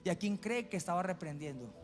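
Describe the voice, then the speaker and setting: A man's voice: sits high, lively intonation, fast talker. A male pastor preaching a sermon in a church, telling stories dramatically. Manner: dramatic storytelling. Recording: church hall reverb, soft music.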